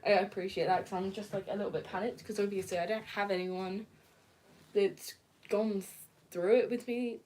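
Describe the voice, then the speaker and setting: A young woman chatting casually on a live stream, soft and hesitant, with many fillers and nervous giggles. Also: medium pitch, fairly even intonation, normal speed. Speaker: livestreamer reading viewer comments.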